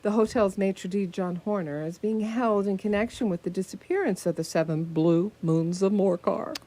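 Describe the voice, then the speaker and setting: A woman plays a detective's loyal doctor companion in a radio mystery. The voice sits at a middle pitch. It is earnest and questioning, delivered as radio theatre dialogue. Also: moderate pace, dark tone, natural voice. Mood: earnest, concerned.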